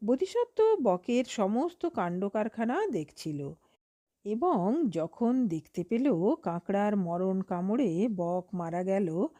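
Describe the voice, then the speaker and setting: A woman narrating a moral fable in an unhurried, expressive storytelling manner on a close mic. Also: mid-range voice, no echo.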